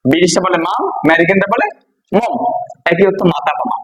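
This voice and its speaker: Teaching vocabulary in a classroom style, this man from Bangladesh repeats every word and throws questions at his listeners. He speaks fairly quickly in a high, expressive voice with a fairly bright tone. The recording is rough.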